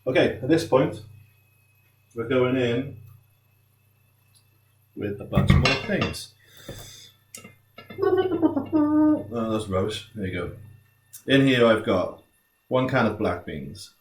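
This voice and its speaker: A man's voice: on the low side, lively intonation, measured pace, long pauses. British male home cook, chatty and jokey, casual tutorial delivery; roomy, distant recording with faint noise. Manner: laid-back, jokey, chatty. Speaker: home cook presenting a recipe. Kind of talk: casual cooking tutorial chat.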